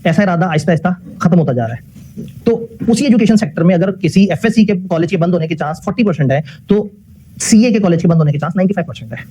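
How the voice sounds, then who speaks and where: A man's voice: high voice, fast talker, warm tone, husky. A man giving a classroom lecture. He puts questions to the class, answers them himself, and mixes English technical phrases into his talk.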